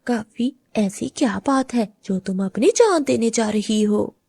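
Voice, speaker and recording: A woman voicing a kindly older female aunt bird in a cartoon, gentle and reassuring. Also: fairly high pitch, lively intonation, unhurried, creaky, breathy edge, dry recording, full character voice. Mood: comforting.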